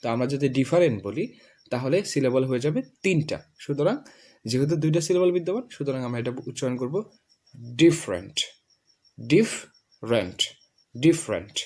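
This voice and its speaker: Bengali-accented male tutor, patient classroom drills, repeats each word slowly. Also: medium pitch, expressive, dark tone. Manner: drills words slowly, repeats them for a student. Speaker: English pronunciation teacher. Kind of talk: classroom lesson.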